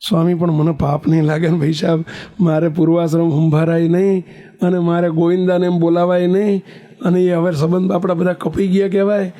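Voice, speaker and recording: A man's voice: high voice, level tone, fairly quick, dark tone, natural voice. Man doing a hesitant, deferential monk. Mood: anxious. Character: anxious devoted male monk asking permission.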